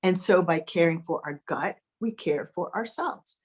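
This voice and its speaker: A woman teaching a guided meditation, speaking gently and without hurry, leaving pauses between phrases. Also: on the low side, breathy edge. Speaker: spiritual workshop teacher leading a guided exercise.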